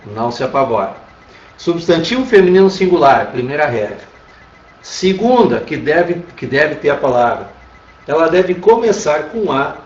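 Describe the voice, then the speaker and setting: A man with a Brazilian Portuguese accent teaches an online Spanish class, patiently repeating "tá?" to make sure students follow. His voice is medium-pitched, with a little hiss or hum on a roomy, distant, dull lo-fi recording.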